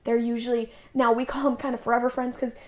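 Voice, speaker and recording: A woman's voice: fairly high pitch, flat delivery, quick pace. A young woman in her twenties, a podcast guest telling stories casually, often saying "like" and acting out what others said. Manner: chatty, acts out quoted dialogue; frequent filler "like".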